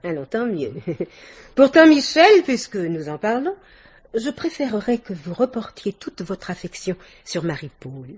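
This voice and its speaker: An actress in a vintage French radio drama plays a worldly, domineering older society woman, theatrical and gushing, dropping little laughs in a sly, insistent mood. Her medium-pitched voice is sing-song, a little mellow and husky, at a measured pace.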